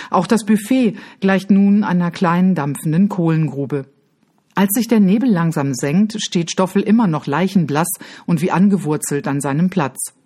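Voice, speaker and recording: A woman reading a children's storybook aloud in a lively, expressive narration. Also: fairly low pitch. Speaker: audiobook narrator.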